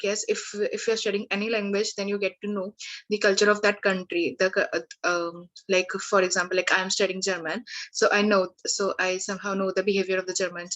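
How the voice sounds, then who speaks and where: A young woman tutor giving a live beginner language lesson, talking in a halting way with many restarts and fillers. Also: mid-range voice, flat delivery, fairly bright tone, rough recording.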